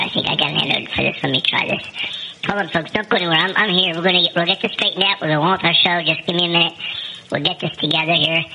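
A man voicing himself as if he had inhaled helium, squeaky and sing-song while clowning around. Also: creaky, pushed and bright, slight background noise, full character voice, low-quality recording.

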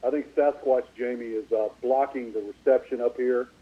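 A man's voice: mid-range voice, steady tone, moderate pace. A man hosting a sports talk radio show, calling in on a phone line with an echo on his microphone and telling a rambling story with many fillers. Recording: echoey, dull, lo-fi phone line.

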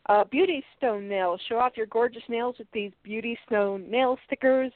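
Reviewing beauty products, a congested woman reads packaging aloud in a chatty way, breaking into light laughs and frequently starting sentences over. Her slightly high voice comes through a tinny, phone-like line with no room sound.

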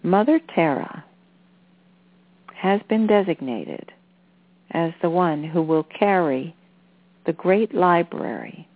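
A woman delivering a channeled spiritual message in a deliberate, soothing manner with halting phrases. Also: fairly low pitch, lively intonation, no room sound. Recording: phone-like narrow-band sound.

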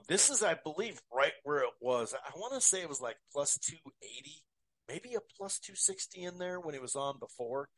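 A man's voice: on the high side, a bit bright, dry recording. A man hosting a boxing podcast, chatting casually about fights and betting odds, rambling and correcting himself with many fillers.

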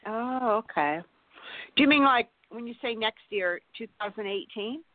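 A woman's voice: a little high, normal speed. Woman in her sixties over the phone. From California. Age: 60s. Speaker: caller. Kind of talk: call-in radio chat. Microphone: telephone. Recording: tinny dry phone line.

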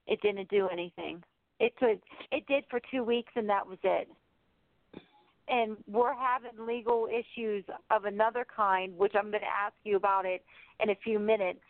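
A woman's voice: medium pitch, moderate pace, no echo. Urgent woman caller on a phone line. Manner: direct and urgent, with stumbles and restarts. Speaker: radio show caller. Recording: tinny dry phone line.

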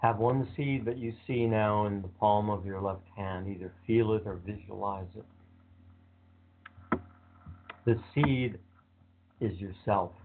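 Calm man guiding a meditation, tinny sound. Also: fairly low pitch. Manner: slow, calm, soothing instructions. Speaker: meditation guide. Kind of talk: guided visualization meditation.

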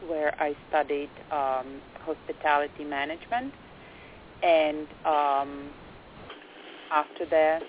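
A quiet, hesitant young woman with a Czech accent talks slowly as a guest on a radio show. She pauses often with fillers. Her voice comes through a narrow phone-like line with faint hiss. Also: low voice, fairly even intonation. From Czech Republic. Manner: quiet and soft-spoken, hesitant with many fillers. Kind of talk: radio interview.

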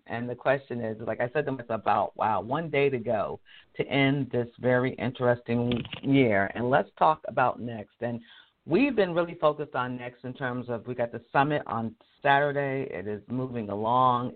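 A hoarse man hosting a casual live career show, chatty and laughing often as he restarts his sentences. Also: medium pitch, moderate pace, phone-quality sound. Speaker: career coach and show host. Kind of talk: casual live-stream talk.

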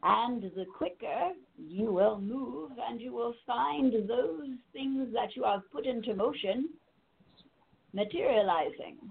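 A serene spirit guide speaks through a woman in a seance medium's trance address, very slowly and solemnly. The voice is slightly high with some creak, and the phrasing is formal, tender and full of pauses. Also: animated, exaggerated voice. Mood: gentle, reassuring. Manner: measured, formal phrasing with drawn-out pauses and endearments. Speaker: trance channeler and spiritual medium hosting a call-in show. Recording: muffled lo-fi audio with faint noise.

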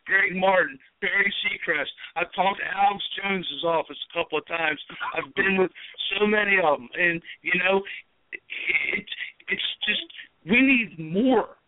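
A man's voice: high voice, a little slow, no room sound. A man calling into a talk show, delivering a heated, profane political rant. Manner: profane, fired-up, repetitive. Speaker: call-in guest. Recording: tinny phone line.

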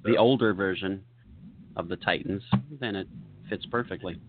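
A man's voice: deep voice, normal speed. A man co-hosting a casual chat show, joking and laughing between remarks. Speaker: podcast co-host. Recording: tinny phone-like line with faint noise.

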